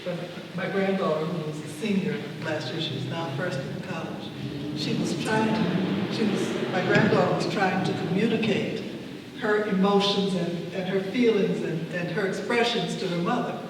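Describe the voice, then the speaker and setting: An older woman sharing a personal anecdote at a community discussion, halting and deliberate, often repeating her phrases. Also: medium pitch, steady tone. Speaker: audience participant sharing advice. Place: large reverberant room at a public discussion. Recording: very echoey noisy hall, distant mic.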